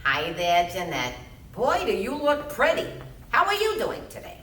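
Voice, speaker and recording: A woman's voice: deep voice, very animated, measured pace, roomy sound, distant mic, heavy background noise, voice pushed down. A woman playing a chirpy social worker. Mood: bubbly. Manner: bubbly, talking down sweetly to a child.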